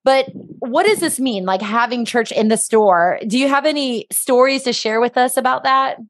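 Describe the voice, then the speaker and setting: Higher-voiced woman hosting a faith show, upbeat, kind of preachy. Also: normal speed. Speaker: podcast host.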